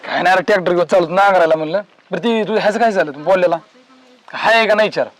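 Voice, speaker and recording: A man's voice: sits high, very fast, no echo, low-quality recording. A man playing a casual, probing villager in a village family drama.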